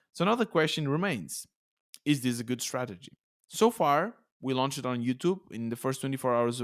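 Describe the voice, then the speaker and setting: A man with a Portuguese accent hosting a solo podcast, talking in a chatty, excitable way with many restarts. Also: mid-range voice. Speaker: podcast host. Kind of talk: casual solo podcast monologue. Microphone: podcast studio mic.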